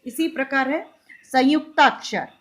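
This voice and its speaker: Woman, Indian accent, school teacher, high voice, patient, sounds out examples, asks and answers her own questions. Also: moderate pace. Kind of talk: recorded classroom lesson.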